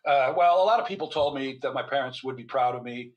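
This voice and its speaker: An older doctor and author chats through a casual podcast interview, storytelling with wry asides and often restarting his thoughts. He talks fast at a medium pitch over a muffled recording.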